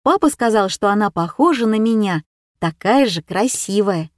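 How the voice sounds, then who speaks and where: A woman reading a children's story aloud in the first person, unhurried and warm. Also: medium pitch, expressive, no room sound, clean studio sound. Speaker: narrator.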